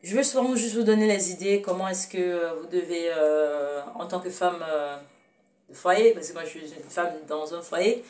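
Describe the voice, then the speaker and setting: Her voice sits on the low side and is slightly mellow, moving at a normal speed and picked up from a distance. She's a woman from Cameroon with a Cameroonian French accent, running an informal cooking show in her kitchen at home. She talks to viewers affectionately, though haltingly, full of fillers and corrections of herself.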